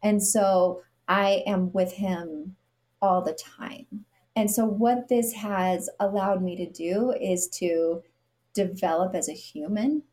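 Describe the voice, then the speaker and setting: A woman's voice: mid-range voice, takes it slowly, mellow. A middle-aged woman, a guest on a podcast interview, talking earnestly in a storytelling way and sometimes acting out what people said with a sarcastic edge. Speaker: guest, nonprofit CEO.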